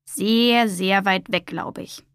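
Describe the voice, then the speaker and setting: A woman voicing a wise, calm male whale in a storybook reading, talking softly and with assurance. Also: mid-range voice, slow, smooth, no room sound, studio quality.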